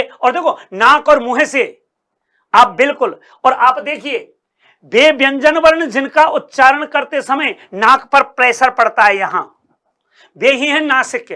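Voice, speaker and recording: A man's voice: extremely high pitch, pushed and bright. A man teaching a Hindi grammar lesson at a coaching class, sounding out letters one by one and repeating key phrases as he quizzes his students. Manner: sounds out letters slowly to demonstrate; addresses students as sir and brother.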